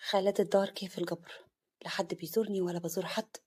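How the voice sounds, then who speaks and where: A woman voicing a grieving elderly father in a village story, speaking in a broken, pleading way, with a husky voice. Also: low voice, fairly even intonation, very fast, darkish tone. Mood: weary, resigned.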